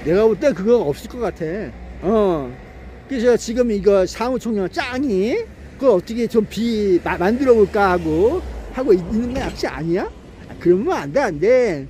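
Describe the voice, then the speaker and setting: A man's voice: high-pitched, animated, moderate pace, dark tone, slight background noise. A man giving a casual political monologue, mocking and scolding, firing off rhetorical questions and laughing to himself. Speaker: political commentator.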